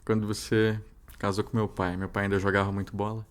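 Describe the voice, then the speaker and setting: A man's voice: on the low side, little pitch movement, fairly quick, faint music behind. A man with a Brazilian Portuguese accent, interviewing his family with short, plain questions. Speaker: interviewer, host. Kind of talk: casual interview. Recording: faint background noise.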